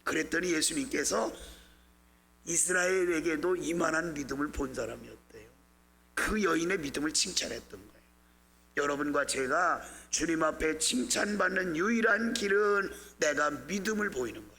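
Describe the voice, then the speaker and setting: Bright-voiced male pastor preaching. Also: normal speed, gravelly. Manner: preaching with rhetorical questions to the congregation; acts out quoted speech with rising, emphatic pitch. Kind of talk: sermon.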